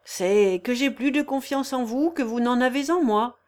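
A woman's voice: a little high, normal speed, a little mellow, lightly acted. A woman reading the lines of an old male carpenter, a blunt and fatherly friend, in an audiobook.

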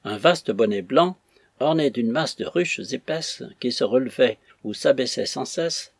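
Husky male audiobook narrator. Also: medium pitch, animated, unhurried, dry recording. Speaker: audiobook reader. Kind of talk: scripted narration of a classic novel.

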